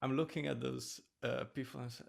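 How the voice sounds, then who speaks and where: A man from Romania, a flight attendant and host, chatting casually with a relaxed, storytelling manner. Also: mid-range voice, brisk, vocal fry. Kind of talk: casual chat.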